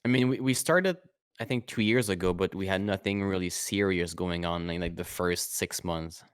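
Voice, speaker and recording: A young man, a video editor, as a podcast guest, making dry deadpan quips in casual chat. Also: low voice, normal speed, clean tone, no echo.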